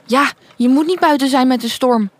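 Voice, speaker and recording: A woman's voice: sits high, normal speed, no room sound, voice pushed up. Woman doing an eager little sleepover girl. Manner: eager, curious.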